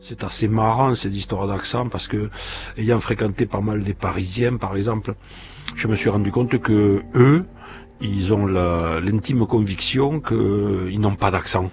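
A man with a southern French accent talks in a casual, reflective interview style. His pitch is a little on the low side. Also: unhurried, a little mellow, soft background music. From provincial southern France.

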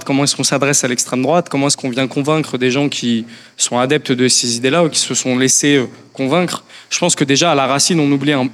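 Fast-talking man, political guest, reverb. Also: mid-range voice. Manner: thoughtful, many hesitations and restarts. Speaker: member of parliament guest. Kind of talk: political discussion.

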